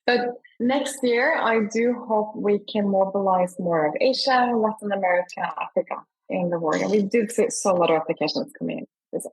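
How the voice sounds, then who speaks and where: Scandi woman, husky voice, super enthusiastic, mid pitch. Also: normal speed, hardly any pauses, rough recording. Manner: enthusiastic, emphatic. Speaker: investor and award founder. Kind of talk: enthusiastic interview talk.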